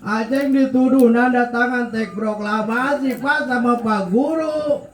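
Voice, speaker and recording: A man voicing a timid little schoolboy who whimpers slowly and sounds close to tears. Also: very high-pitched, echoey room, voice pushed up. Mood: tearful, scared. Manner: whimpering, slow and frightened.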